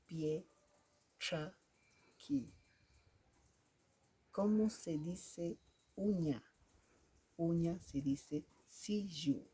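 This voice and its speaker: A man teaching a vocabulary lesson. He asks a question, then repeats each word slowly and deliberately. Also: fairly high pitch, dark tone, breathy edge. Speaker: language teacher.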